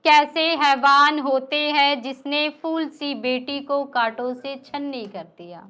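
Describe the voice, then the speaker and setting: A young woman reciting her own poetry at an open mic. She says each couplet twice, the second time louder and with more force. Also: sits high. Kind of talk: reciting Hindi poetry on stage. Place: small live stage.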